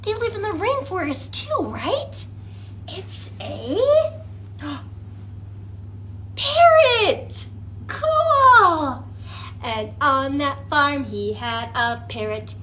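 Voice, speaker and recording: A woman conducts a children's storytime as a librarian, animated and interactive, with exaggerated wonder and coaxing questions. She speaks high and very slowly, leaving long pauses, and a little hiss or hum sits beneath her voice.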